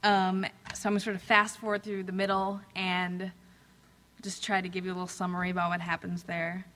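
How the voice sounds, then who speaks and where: A woman reading fiction aloud to a live audience, measured and unhurried, with soft "um"s in her asides between passages. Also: fairly low pitch, little pitch movement. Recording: long hall reverb.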